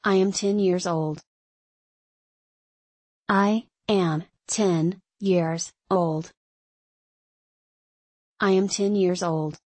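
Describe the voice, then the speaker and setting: Speaking extremely slowly in a low-leaning, steady, slightly mellow voice, a woman reads brief English phrases for learners and repeats each one carefully. The dry studio voice-over has no echo, she pauses often, and her enunciation is clear.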